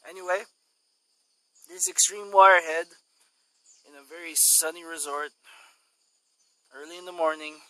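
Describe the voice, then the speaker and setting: A man's voice: sharp tone, no room sound, low-quality recording. A man vlogging outdoors at a sunny resort in the morning, chatting in a loose, rambling way, with insects chirping behind him. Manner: rambling, chatty, coaxes a dog in a high voice. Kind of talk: casual outdoor vlog. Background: insects and crickets.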